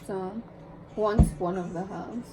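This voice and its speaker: A woman's voice: mid-range voice, steady tone, takes it slowly, very noisy. A young woman tasting snacks with friends, chatting casually, teasing and laughing often. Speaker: snack taster. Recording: background music.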